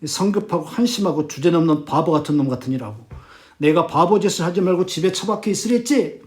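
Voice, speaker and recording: A man's voice: fairly high pitch, fast, close to an everyday voice. A male teacher voicing a bitter young prince who scorns a dead meddler. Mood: scornful.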